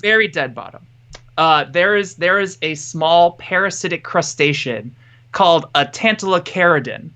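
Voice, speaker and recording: This podcast co-host's voice runs on the high side, bright and pushed, expressive at a moderate pace. Jokey and rambling, he keeps breaking off mid-thought in the casual chat, using a headphone-mounted mic.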